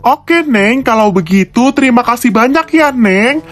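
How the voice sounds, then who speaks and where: A woman's voice: on the high side, lively intonation, soft background music, lightly acted. A woman voicing a polite male shopkeeper. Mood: friendly. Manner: polite, unhurried shopkeeper talk. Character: friendly male corner-shop owner, polite and patient. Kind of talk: toy storytelling voice acting.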